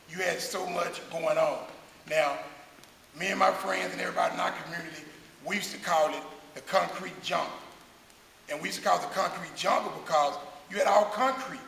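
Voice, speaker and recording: A man from West Dallas, giving an earnest, halting talk to an audience. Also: on the high side, gravelly, fairly bright tone. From West Dallas, Texas. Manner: earnest, halting with many uh's and repeats. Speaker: guest speaker. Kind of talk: speaking to an audience. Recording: echoey hall, faint hiss.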